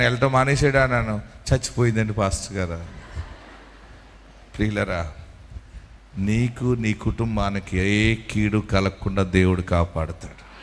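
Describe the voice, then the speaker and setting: Telugu pastor preaching in an echoing hall. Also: male voice, medium pitch, slight background noise. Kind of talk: sermon.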